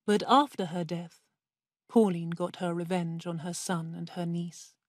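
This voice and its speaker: A woman reads a simple story aloud for language learners. Her delivery is slow and careful, her voice soft and breathy, and the recording is dry and close. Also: fairly low pitch, steady tone, no room sound. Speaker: narrator. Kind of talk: slow scripted audiobook reading for learners.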